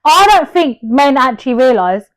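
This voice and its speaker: A woman, co-hosting a casual sisters' podcast, chatty and quick to jump in with questions and tangents. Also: sits high, animated, no echo, rough recording. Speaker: podcast co-host. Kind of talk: casual chat.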